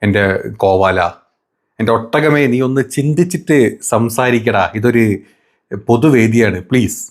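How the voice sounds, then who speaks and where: A male commentator talks over debate clips, his voice at an ordinary middle pitch. He heaps sarcasm and crude insults on his targets, often in a falsely affectionate tone. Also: unhurried. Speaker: political commentary host.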